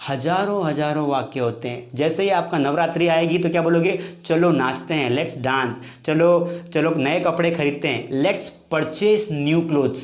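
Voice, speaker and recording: A man's voice: a little high, unhurried, few pauses. A man teaching an English lesson to students he calls dear children, often asking a question and then answering it himself and repeating key points. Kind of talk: classroom lesson. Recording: echoey room.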